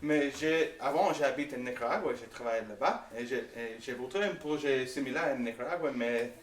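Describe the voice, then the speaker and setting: Man with foreign accent, halting French, echoey. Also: medium pitch. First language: not French. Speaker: project founder answering audience questions. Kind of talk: casual question-and-answer talk. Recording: echoey room, distant mic, faint noise.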